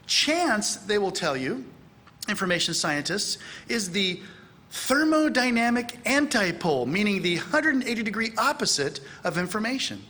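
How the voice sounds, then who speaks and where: A man in middle age lectures a church audience from the pulpit. His voice sits high and bright, with a very lively, swinging pitch. He slips into acted-out dialogue, raising his voice for the quoted lines. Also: moderate pace. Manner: animated, acts out dialogue with raised voice. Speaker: speaker at a church conference. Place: large church hall.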